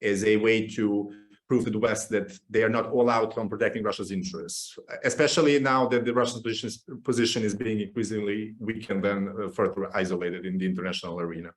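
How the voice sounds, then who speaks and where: A man's voice: lowish voice, fairly even intonation, fast. A man from Serbia, a think-tank panelist answering over a video call, hesitant and repeating words. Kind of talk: online panel discussion.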